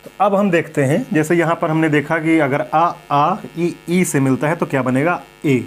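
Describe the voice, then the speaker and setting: A man with a high-pitched voice gives a grammar lecture. He keeps asking rhetorical questions and answering them himself. He repeats each rule patiently, like a classroom teacher. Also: moderate pace.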